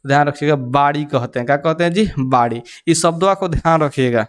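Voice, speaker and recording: A young male teacher runs a chatty exam-prep lesson. He fires questions back at his students to repeat the answer and slips in playful dialect asides. His voice sits a little high and comes across smooth and clear. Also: fairly quick. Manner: call-and-response questioning with "kya ho jayega ji?".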